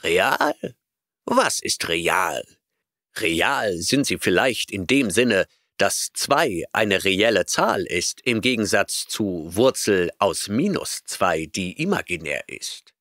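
A man's voice: sits low, sing-song, slow, sharp tone, dry recording, clean studio sound, exaggerated voice. A man reading an audiobook voices an arrogant, eccentric male professor who lectures impatiently and snorts at his listener. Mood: lecturing.

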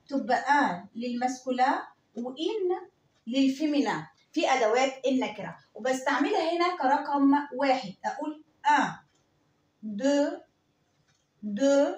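A high-pitched Egyptian woman teaches beginners in a patient, drilling way, saying each word slowly and then saying it again. Her voice sits a little away from the mic in an echoey room. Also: recorded from a distance. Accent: Egyptian Arabic. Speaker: French teacher. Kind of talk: classroom lesson explaining and repeating words.

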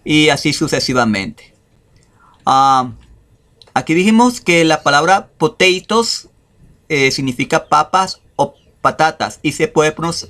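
A man teaching an English lesson in a casual video, speaking slowly and tagging his phrases with questions. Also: a little high, a bit bright. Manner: slow, repeats phrases and adds "verdad".

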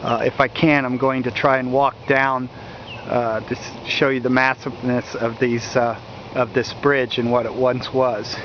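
A man narrating a walking tour outdoors along a wooded riverbank, talking in a halting way with many fillers, recorded on a handheld camera mic. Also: mid-range voice, flat delivery, a little hiss or hum. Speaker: history video host. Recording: dull lo-fi outdoor audio.

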